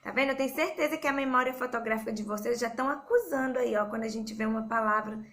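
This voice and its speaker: A Brazilian woman teaching a recorded school lesson, patiently repeating words slowly to explain a spelling rule. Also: on the high side, fairly bright tone. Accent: Brazilian Portuguese.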